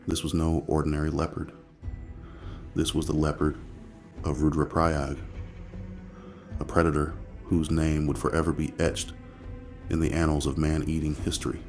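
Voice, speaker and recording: A man with an extremely low voice narrates in a nature documentary manner. He keeps a fairly even tone, phrasing slowly and pausing for ominous effect. Soft music runs underneath. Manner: ominous, slow phrasing with dramatic pauses.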